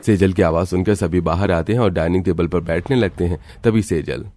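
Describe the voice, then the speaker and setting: A man narrates a cartoon story in an even, matter-of-fact way. His voice is very low. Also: brisk.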